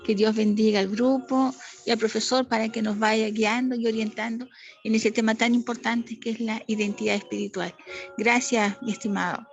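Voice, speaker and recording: A woman's voice: on the high side, steady tone, normal speed, muffled recording, faint music behind. A woman introducing herself formally and gratefully to an online class. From Chile. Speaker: student.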